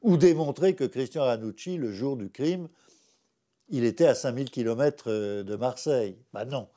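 A man's voice: mid-range voice, moderate pace, dark tone. A man, a writer, interviewed for a documentary, insistent and repeating his points for emphasis.

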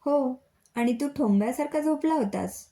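Storybook mother, middle-aged, gently scolding, mellow fairly high voice, read by a woman. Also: normal speed. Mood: teasing.

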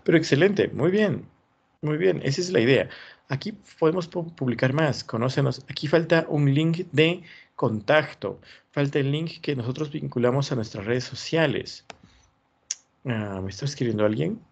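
Guy teaching online over a dull lo-fi line, raspy voice, encouraging. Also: medium pitch, lively intonation, normal speed. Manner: encouraging, thinking aloud. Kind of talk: online class, reviewing student work. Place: online video class. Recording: dull lo-fi sound.

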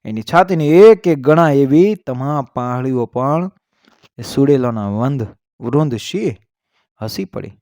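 A male storyteller reads aloud with expression and lifts his voice for quoted lines. His pitch sits in an ordinary middle range. The recording is dry and close, with no room sound. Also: slow, no echo. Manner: expressive reading, voice lifting for quoted speech.

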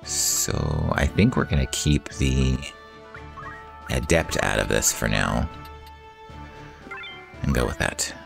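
A man with a very deep, gravelly voice talks through a strategy game in a loose, thinking-aloud way. He weighs his moves and reads bits of the story out loud, with game music faint behind him. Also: animated, slow, pauses often. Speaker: gamer playing a strategy game mod. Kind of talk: casual gameplay commentary.

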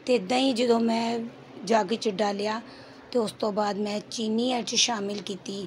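A middle-aged woman with a Punjabi accent and a hoarse throat, chatting homely through her daily cooking vlog. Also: fairly high pitch, fairly even intonation, unhurried, slight background noise. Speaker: cooking vlogger. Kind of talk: casual vlog voice-over.

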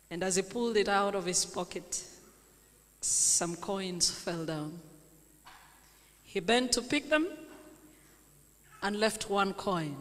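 A Kenyan woman preaching a sermon in a church, telling stories at a deliberate pace and asking the congregation questions. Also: mid-range voice. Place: large church sanctuary. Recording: echoey church hall.

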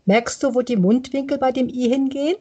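A woman who hosts a laughter yoga podcast, gently coaxing listeners through exercises and laughing often as she explains. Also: high-pitched, brisk, husky, dull audio.

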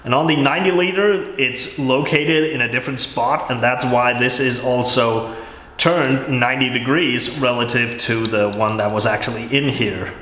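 A man's voice: mid-range voice, moderate pace. A man giving casual, chatty commentary as he works on a vehicle in a cold workshop. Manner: relaxed, chatty, with small laughs. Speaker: vehicle restoration vlogger. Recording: echoey workshop with loud noise.

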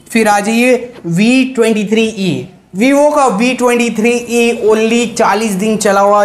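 A young man giving a chatty sales pitch to camera, mixing in English words. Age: young adult. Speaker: second-hand phone seller presenting shop stock. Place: small mobile phone shop, indoors. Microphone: lapel mic.

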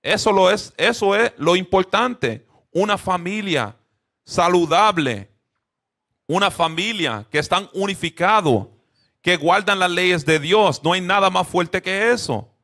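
Animated man leading a Bible class. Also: high voice, measured pace. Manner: keeps checking in with listeners; drops English fillers into Spanish. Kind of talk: interactive bible lesson.

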